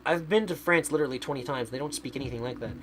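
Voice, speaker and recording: A man's voice: medium pitch, very fast, a bit bright, a little hiss or hum. A man from Canada doing live game stream commentary, chatting away and playfully arguing with his chat as he reads it aloud.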